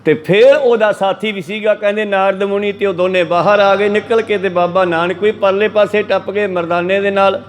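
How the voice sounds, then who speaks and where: A Punjabi-accented preacher with a fairly high voice tells homely folk tales to his congregation. He slips into quick voices for the animals in his stories, keeping a chatty, down-to-earth sermon tone. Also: steady tone. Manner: folksy storytelling, acts out quoted animals in shifting voices. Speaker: Sikh preacher giving katha. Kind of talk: storytelling sermon exposition.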